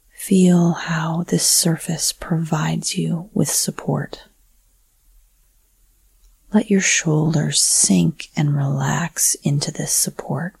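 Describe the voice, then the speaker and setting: A woman whispering a slow, soothing guided breathing meditation. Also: low voice, vocal fry, a little mellow, slightly rough, no room sound.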